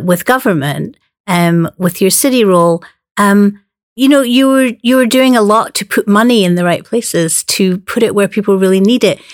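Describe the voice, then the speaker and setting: A woman's voice: medium pitch, no room sound, studio quality. A woman hosting a broadcast interview, introducing her guest and asking conversational questions. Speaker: interviewer host.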